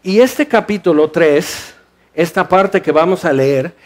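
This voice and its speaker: A man's voice: high-pitched, expressive, unhurried. A man preaching a sermon in a church hall, asking rhetorical questions and explaining scripture with animation. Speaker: pastor.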